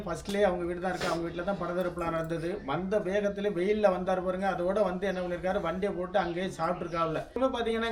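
A high-voiced man rushes through a family story told to viewers, stopping to restart now and then. His voice sits a little far from the mic. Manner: plain storytelling with frequent restarts. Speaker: family food channel vlogger. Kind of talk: recounting a family death to viewers.

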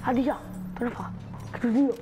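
A woman's voice: a little high, steady tone, music in the background, poor audio. A woman giving casual gameplay commentary as a channel host, chatting and talking viewers through her moves.

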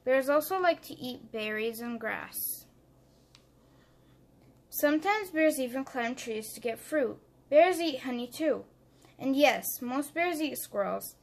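A woman narrating a children's picture book aloud, clear and expressive. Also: high-pitched, slow.

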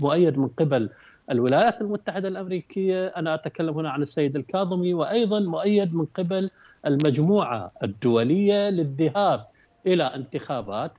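Measured man, dull remote link. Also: a little high, a little mellow. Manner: measured, with frequent "ah" fillers and restarts. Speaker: international relations researcher guest. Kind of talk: analytical talk-show commentary.

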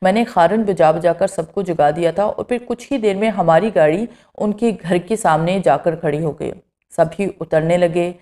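A woman narrating a first-person horror story in a steady, scripted reading. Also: lowish voice.

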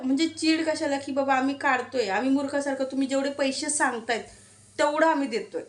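High-voiced woman, indignant storytelling vlog. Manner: indignant, vents about a quarrel, mixes in quoted Hindi. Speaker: vlogger. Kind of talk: casual storytelling to camera.

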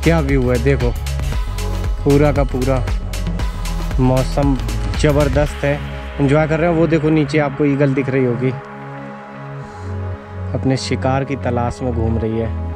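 A man's voice: medium pitch, level tone, measured pace, long pauses, over music. A man in his thirties from India, narrating a casual motorcycle travel vlog outdoors on mountain roads, chatty and enthusiastic as he explains tips to viewers.

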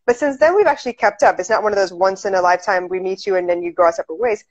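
Hosting a live video chat from a small room, this woman speaks very fast at a medium pitch, chatty and excited and packed with fillers. She records phone-selfie style through a wired earphone mic, giving slightly dull, lo-fi stream audio.

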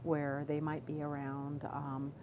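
A middle-aged woman physician speaks low and deliberately, pausing on fillers as she answers a live Q&A. Her sentences restart as she picks her words. A clear hiss of noise runs under her voice. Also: monotone, lo-fi sound. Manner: measured, with many fillers and restarts. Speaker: obstetrician gynecologist, chief medical officer. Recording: background noise.

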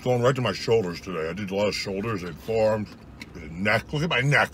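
A man's voice: lively intonation, brisk, fairly bright tone, slight background noise. A young man reviewing food in a casual, joking way, talking while chewing with his mouth full in a parked truck. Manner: loose and joking, low-key asides. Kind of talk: casual vlog monologue.

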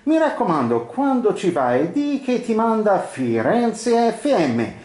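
A man playing an excitable radio DJ in a comedy sketch, with showy game show patter. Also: high voice, slow, echoey room, full character voice. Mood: showy, upbeat. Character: showy, excitable male radio DJ plugging a prize contest.

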